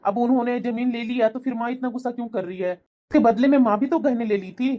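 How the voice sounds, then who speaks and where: A woman voicing a mellow easygoing cartoon husband. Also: on the high side, quick pace, natural voice. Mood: calming. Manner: calming, easygoing. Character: young tired husband, placid and easygoing. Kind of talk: animated cartoon voice acting.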